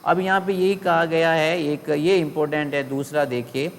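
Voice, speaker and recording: A male school teacher giving a grammar lesson, dictating example sentences slowly and explaining them quickly. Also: a little high, steady tone, gravelly. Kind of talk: classroom grammar lesson, mixing Hindi and English. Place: classroom. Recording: roomy long reverb with faint ambient noise.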